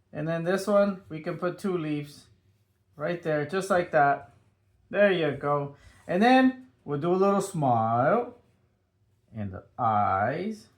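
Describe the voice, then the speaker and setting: Upbeat high-voiced man teaching kids to draw. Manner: upbeat, sing-song, adds playful sound effects. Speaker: drawing teacher for children. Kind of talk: step-by-step children's drawing tutorial.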